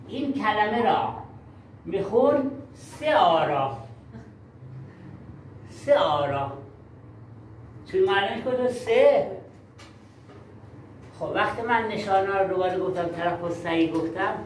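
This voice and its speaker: A man's voice: high voice, a little hiss or hum. Emphatic male teacher trainer in echoey room. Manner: emphatic, repeats key words. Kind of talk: workshop lecture to teachers. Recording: echoey room, far from mic.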